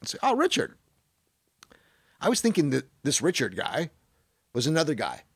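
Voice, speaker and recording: A man's voice: mid-range voice, big pitch swings, fairly quick, slightly rough, dry recording, clean studio sound. Rambling older man hosting a podcast. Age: 60s. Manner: rambling storyteller, swears freely, acts out quotes. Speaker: podcast host. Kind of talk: casual podcast chat.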